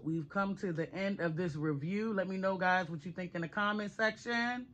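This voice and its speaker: A woman vlogger reviewing candy at home in a relaxed, chatty way, laughing often. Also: on the low side, moderate pace, highs cut off. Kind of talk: casual chat. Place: home, at a table.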